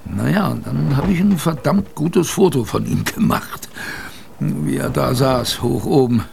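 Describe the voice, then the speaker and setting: A man's medium-pitched voice is animated yet unhurried, gravelly and a little mellow, with a slight hiss or hum. He's an actor narrating a radio drama as a former ship's kitchen boy. Reminiscing, he tells his story in a colloquial, vivid, confiding way.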